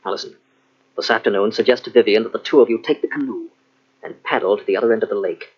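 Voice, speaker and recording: A man's voice: lowish voice, quick pace, breathy edge. A man playing a scheming, coaxing young fortune hunter in an old radio drama. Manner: persuasive, coaxing endearments. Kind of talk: 1940s radio acting. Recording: dull, lo-fi old radio cassette.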